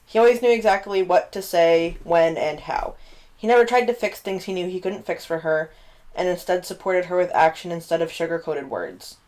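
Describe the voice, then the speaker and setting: A woman's voice: fairly low pitch, normal speed. A woman co-hosting a podcast, chatting casually about tabletop game characters with plenty of fillers. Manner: chatty, warm, frequent fillers and laughs. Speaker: podcast co-host.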